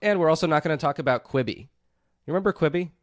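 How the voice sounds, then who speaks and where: A man co-hosting a casual podcast chat, relaxed and leading the talk, often laughing. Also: fairly high pitch, racing, no room sound, studio quality. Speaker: podcast co-host.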